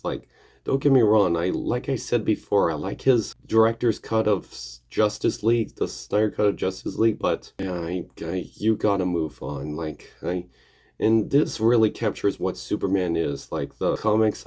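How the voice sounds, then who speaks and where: A man with a low, mellow voice that sounds gravelly and a bit hoarse, as if getting over an illness. He talks casually as a vlog host. His delivery rambles and hesitates, circling back over the same points. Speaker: video host.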